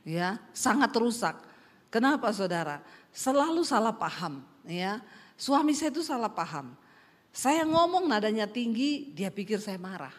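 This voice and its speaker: A woman pastor with a Sulawesi accent preaching a sermon, animated and humorous, with a lively rising intonation. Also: fairly high pitch, measured pace. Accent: Sulawesi Indonesian. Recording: long hall reverb.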